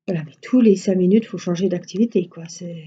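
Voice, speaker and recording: A woman's voice: fairly low pitch, a little fast, mellow, dull audio, slight background noise. A middle-aged woman chatting casually on a live stream, rambling through everyday anecdotes. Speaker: craft live-stream host.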